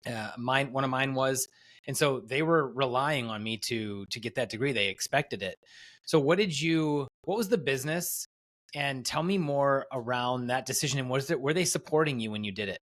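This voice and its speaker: A man's voice: medium pitch, normal speed, fairly bright tone. Enthusiastic male podcast host. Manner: enthusiastic, rambling with restarts. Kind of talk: casual interview.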